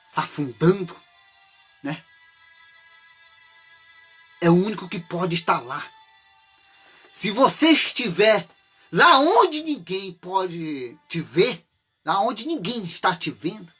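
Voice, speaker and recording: A man's voice: high-pitched, sharp tone, slightly rough. A man from Brazil with a Brazilian Portuguese accent, preaching an informal sermon in a chatty way, with many rhetorical and tag questions, and sometimes acting out desperate cries for help.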